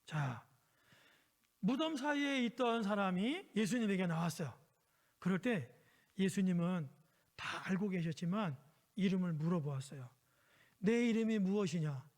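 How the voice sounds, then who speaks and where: High-voiced man giving a children's sermon. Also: lively intonation, measured pace, pauses often. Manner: gentle storytelling with questions to listeners. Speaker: pastor.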